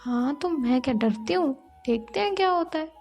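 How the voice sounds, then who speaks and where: Cheeky, carefree young office woman, breezy and teasing, voiced by a woman in a high, slightly gravelly tone. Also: lively intonation, moderate pace, darkish tone, soft background music.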